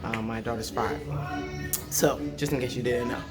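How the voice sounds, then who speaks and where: A woman's voice: a bass voice, fairly even intonation, normal speed, over music. A woman in her thirties with an American accent, chatting casually and slangily to her vlog viewers. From Los Angeles, USA. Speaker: vlogger.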